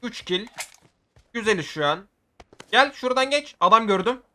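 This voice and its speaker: A man giving excitable gameplay commentary for his video, often shouting at the game and using casual slang. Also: high voice, normal speed, a little hiss or hum. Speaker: gaming video creator.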